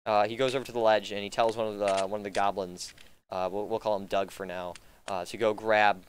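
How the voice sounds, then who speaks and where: A young man narrating as game master, halting and hesitant with many fillers. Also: fairly low pitch, level tone, slight background noise.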